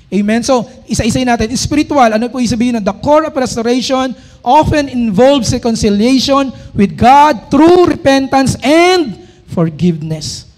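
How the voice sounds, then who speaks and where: High-voiced preaching pastor, man. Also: lively intonation. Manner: preaching with frequent call-and-response to the congregation; reads scripture slowly and loudly. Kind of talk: sermon.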